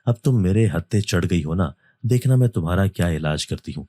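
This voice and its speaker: A man's voice: deep voice, animated, warm tone. A man voicing a cruel, scheming young mistress of a house, taunting her maid. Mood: spiteful.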